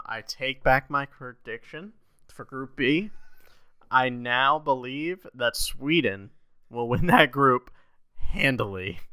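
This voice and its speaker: Bright, fast-talking young man. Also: mid-range voice, smooth, dry recording. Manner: fast, excitable, laughs often, lots of "like". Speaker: podcast co-host. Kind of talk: casual podcast chat.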